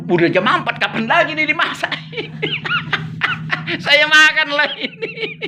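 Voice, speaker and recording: A missionary pastor with an extremely high voice that swoops wildly in pitch speaks at a moderate pace against a noisy background. In casual chat he tells stories, laughs often, and acts out people's quoted speech.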